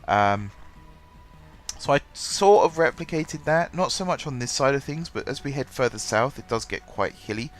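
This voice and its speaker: This man hosts a gaming channel and sounds bunged up from a cold as he chats loosely about his game, stumbling over ums and starting over. His mid-range voice is expressive at a moderate pace, with faint background music.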